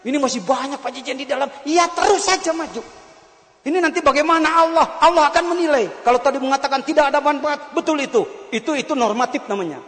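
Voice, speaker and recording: A man preaching a sermon at a gathering, animated, moving between loud exclamations and soft asides. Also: very high voice, fast talker. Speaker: Islamic preacher. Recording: long hall reverb.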